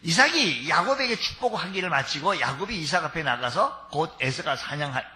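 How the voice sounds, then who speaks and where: Animated bright-voiced male preacher. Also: fairly high pitch, a little fast. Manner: animated storytelling, acting out dialogue; exhorting, builds to shouts. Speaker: pastor. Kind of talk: sermon.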